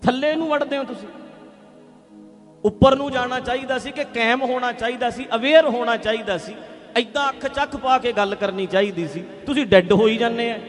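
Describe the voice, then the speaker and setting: A male preacher giving an impassioned religious speech, emphatic and full of rhetorical questions, swinging between loud and hushed. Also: very high voice, moderate pace, big-room sound, faint music behind.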